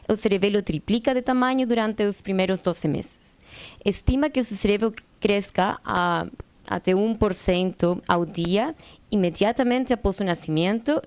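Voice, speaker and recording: A woman's voice: medium pitch, darkish tone, clean tone, dry recording. A non-native Portuguese-speaking woman with a foreign accent, carefully reading out a formal medical lecture with small stumbles. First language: not Portuguese. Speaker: medical presenter. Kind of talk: scripted medical lecture, read aloud.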